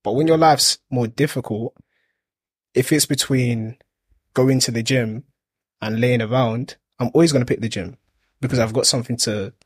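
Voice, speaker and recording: A young man talks in a London roadman accent, with a husky voice recorded dry and close. His delivery is casual, slang-heavy and emphatic, like someone making motivational points among friends. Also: mid-range voice, moderate pace, no echo. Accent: London, urban street slang. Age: young adult.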